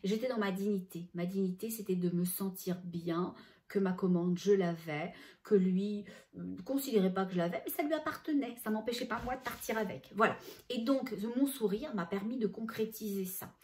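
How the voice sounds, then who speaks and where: A middle-aged woman, a spiritual medium chatting through a channeling session and passing on messages in gentle tones. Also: mid-range voice, moderate pace.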